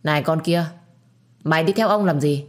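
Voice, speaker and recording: A woman voicing a gruff, grumpy old man who talks curtly. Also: deep voice, normal speed, lightly acted. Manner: curt and grumbling.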